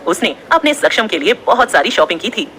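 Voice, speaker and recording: A woman narrating an audio story in an expressive, steady storytelling manner. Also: medium pitch, a little fast, faint music behind.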